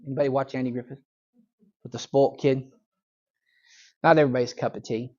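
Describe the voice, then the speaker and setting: An American pastor leads a relaxed Bible study class at church, chatting, chuckling often and putting questions to the room. His medium-pitched voice is mellow and fairly even, a little fast, and the sound is lo-fi.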